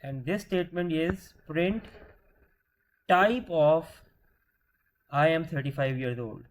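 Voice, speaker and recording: Speaking slowly in a slightly high voice, a man walks through a programming lesson on screen share. He patiently asks and answers his own questions, often restarting words mid-sentence. The recording is rough.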